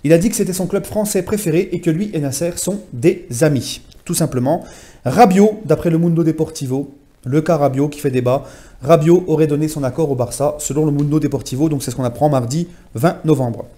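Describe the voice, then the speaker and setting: Male vlogger with a mellow, fairly high voice, casual chatty football news recap. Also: brisk. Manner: chatty, addresses viewers as friends, many fillers. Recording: home vlog.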